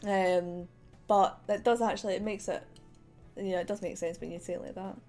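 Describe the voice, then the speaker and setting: A chatty Scottish streamer with a central belt accent speaks into a desk microphone at home while drawing, her voice mid-pitched, steady and moderately paced. She wanders from one thought to the next, dropping plenty of "um"s and little laughs. Soft music plays faintly in the background.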